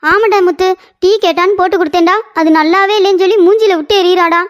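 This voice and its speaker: A woman's voice: very high voice, steady tone, quick pace, soft background music. A woman voicing a scheming older mother-in-law in a cartoon, nagging and fake-weepy. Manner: scolding, then fake-weepy.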